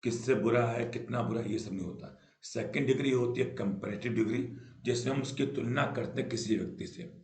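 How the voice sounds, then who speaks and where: A man's voice: mid-range voice, brisk, darkish tone, roomy sound. A man teaching English grammar in Hindi, explaining patiently, repeating key points and often checking with "right?". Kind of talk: Hindi-language grammar lesson.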